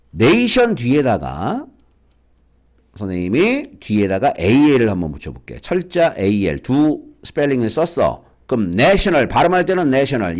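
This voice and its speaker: Lively man teaching English to children. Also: medium pitch. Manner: lively, coaxing, asks students questions. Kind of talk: lecture for school kids.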